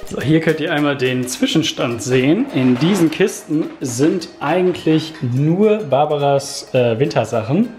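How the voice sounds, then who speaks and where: A man's voice: a little high, animated, measured pace, few pauses, darkish tone, faint music behind. A young man chatting casually on a home vlog in short, matter-of-fact remarks. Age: 20s or 30s. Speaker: vlogger's partner and co-host. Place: sparsely furnished rooms at home. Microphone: handheld vlog camera. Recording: echoey bare room, some background noise.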